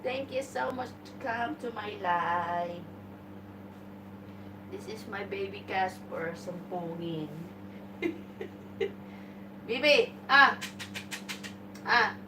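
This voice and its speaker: Lady on a phone live, coaxing her pup, slow talker, echoey room, mic far off, bit noisy. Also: mid-range voice. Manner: coaxing, switching between Tagalog and English. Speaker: live-stream host talking to her dog. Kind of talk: casual live-stream chat, coaxing a pet.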